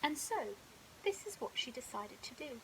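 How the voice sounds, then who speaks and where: A woman reads a children's bedtime story expressively, like a primary school teacher reading aloud, in a high, sing-song, slightly bright voice at normal speed. The low-quality recording carries hissy background noise.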